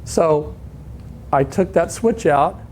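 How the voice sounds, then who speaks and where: A man in his sixties tells stories to a conference audience with a slightly high voice. He swings into animated voices for the people he quotes. Faint noise sits under the recording. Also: slow pace. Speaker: conference speaker. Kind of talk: storytelling talk. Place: conference hall.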